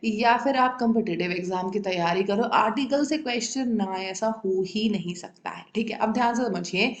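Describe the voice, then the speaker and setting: A woman's voice: fairly high pitch, reverberant. A woman teaching English grammar in a classroom style, often checking whether her students follow and repeating the key terms.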